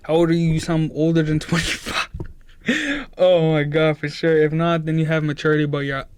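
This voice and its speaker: A man's voice: a little high, flat delivery, brisk, smooth. Young man, earnest streamer pep talk. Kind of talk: casual live-stream chat.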